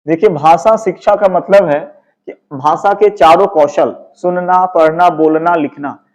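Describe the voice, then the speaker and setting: Man, teacher, Bihari Hindi accent, high-pitched, explanatory, self-questioning. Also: steady tone, measured pace, a little mellow. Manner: explanatory, asks and answers his own questions. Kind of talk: exam-prep lesson explaining answers.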